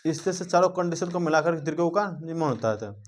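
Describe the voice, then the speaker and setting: A man's voice: fairly high pitch, expressive, fast talker. A man teaching a grammar lesson to students, asking them questions and checking in again and again with the class.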